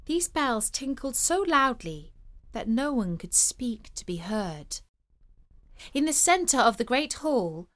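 A woman reads a fairy tale aloud as storyteller, unhurried and measured. Her pitch rises and falls widely, giving the story an expressive, lilting feel.

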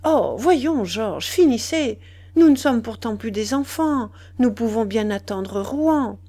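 A sly, composed young wife, voiced by a woman reading aloud. She speaks lightly and a little higher, with a teasing edge. The storybook reading stays slow and measured. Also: lively intonation, mellow, exaggerated voice. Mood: protesting.

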